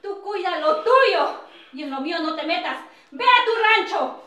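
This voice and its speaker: A woman's voice: very high voice, lively intonation, normal speed, echoey room, heavy background noise. A woman playing a snobbish, domineering middle-aged mother-in-law in an amateur drama skit, scolding and bossy.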